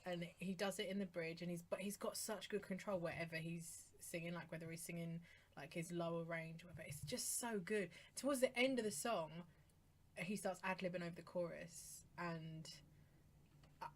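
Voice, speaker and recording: A woman's voice: lowish voice, moderate pace. A British woman co-hosting a podcast, chatting casually and enthusiastically about songs, often rambling and laughing. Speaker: podcast co-host. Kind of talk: casual chat reviewing songs.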